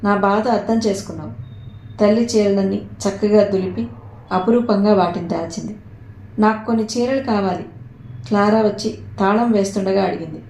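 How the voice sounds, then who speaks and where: Woman, audiobook narrator, mellow tone, voices the dialogue, roomy echoey sound. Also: medium pitch, steady tone, normal speed, slight background noise. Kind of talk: reading a Telugu audio novel aloud.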